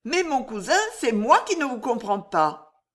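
A woman's voice: a little high, sing-song, unhurried, a bit bright, pitched above the performer's own voice, full character voice. A woman reading aloud, voicing a young woman who pleads in urgent, breathless exclamations. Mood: anxious.

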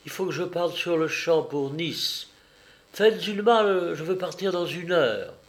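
Brief: male reader doing a distressed young woman, high, strained, urgent, for an audiobook. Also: big pitch swings, brisk, vocal fry, a bit bright, heavily acted. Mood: impatient. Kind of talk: audiobook character reading.

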